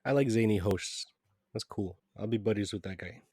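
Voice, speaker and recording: Jokey, lower-voiced man on a podcast. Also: moderate pace, a little mellow, slightly rough, no echo, clean studio sound. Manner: jokey, riffs on silly ideas. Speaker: podcast co-host. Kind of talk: casual chat.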